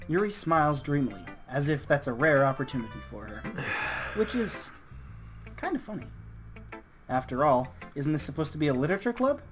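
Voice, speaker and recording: A man's voice: fairly high pitch, animated, fairly quick, soft background music, natural voice. A man voicing an easygoing teen boy protagonist in a let's play, in a plain casual way. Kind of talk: let's play character reading.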